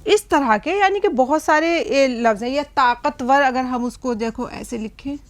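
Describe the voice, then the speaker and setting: High-voiced woman teaching a patient lesson. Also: normal speed. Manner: patient explaining, frequent checks like "hai na?" and "theek hai". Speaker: Urdu teacher. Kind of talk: whiteboard language lesson.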